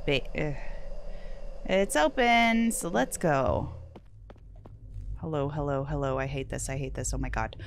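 A woman's voice: low voice, measured pace, gravelly, long pauses, a little hiss or hum. A young woman playing a horror game, talking to herself nervously, swearing, and dropping to whispers when scared. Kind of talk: let's play commentary.

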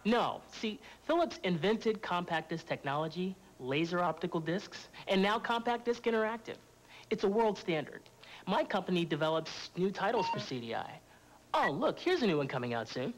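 An actor playing a breezy, chummy game designer in a scripted infomercial comedy, casual, slangy and eager. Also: male voice, high voice, big pitch swings, normal speed, poor audio.

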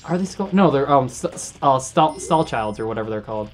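A man's voice: medium pitch, expressive, a little fast, a little hiss or hum. Rambling man narrating his gameplay. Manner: rambling, repeats words while thinking aloud. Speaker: let's play host. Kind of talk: casual gameplay commentary.

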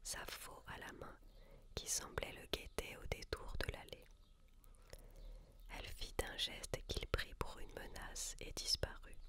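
Slow library whisper from a woman reading. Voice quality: soft unvoiced library whisper. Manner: slow, measured, deliberate phrasing. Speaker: reader. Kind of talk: whispered reading aloud from a self-help book, ASMR.

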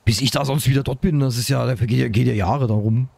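A man commenting on his own survival game play, excitable, talking to himself and his viewers. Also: mid-range voice, quick pace, gravelly, dry recording. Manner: excitable, talks to himself and viewers, frequent exclamations. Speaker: gaming YouTuber.

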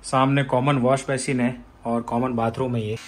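Holding his phone indoors, an Indian vlogger in his thirties who grew up in Rajasthan shows viewers around his apartment room by room in a chatty, casual tour. He speaks in a flat, mid-range voice at a moderate pace, with faint music in the background.

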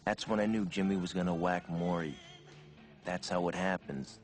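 An actor voices a grim mobster narrating in film voice-over, flat and matter-of-fact. His voice is very low, with guitar music underneath. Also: normal speed, natural voice.

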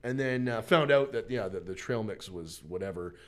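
Animated male comedian telling a story. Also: on the low side, normal speed. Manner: animated storyteller, acts out voices, frequent restarts. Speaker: stand-up comedian guest. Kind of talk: casual storytelling chat.

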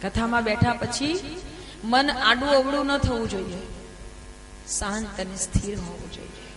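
A woman's voice: fairly high pitch, a little slow, fairly bright tone, faint music behind. A woman from Gujarat telling scripture stories as a preacher, emphatic, with rhetorical questions and asides to her listeners. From Gujarat, India. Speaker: scripture storyteller. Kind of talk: devotional sermon storytelling. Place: temple hall. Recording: reverberant hall with faint noise.

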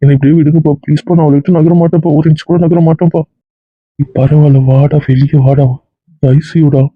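A man's voice: a little high, fairly even intonation, fast talker, no echo, natural voice. A man playing a heartbroken young husband who pleads with his unconscious wife in hospital. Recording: phone-like dry recording.

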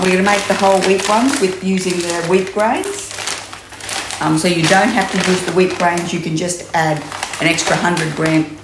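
Low-voiced older Australian woman demonstrating cooking. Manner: chatty, rambling, frequent ums. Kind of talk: casual cooking tutorial. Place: home kitchen, indoors. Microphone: camera mic from mid distance. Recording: roomy kitchen with steady noise.

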